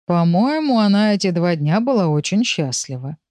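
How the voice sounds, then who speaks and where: A woman voicing a calm, dry-witted male character with a sarcastic way of talking. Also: lowish voice, moderate pace, dry recording.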